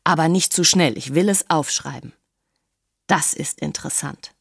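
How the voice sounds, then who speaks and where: A woman's voice: low-pitched, normal speed, creaky, husky, no room sound, clean studio sound, heavily acted. A woman voicing a kindly, curious male doctor who speaks mildly and thoughtfully, in an audiobook reading. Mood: gentle curious. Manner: mild, thoughtful, eager to learn.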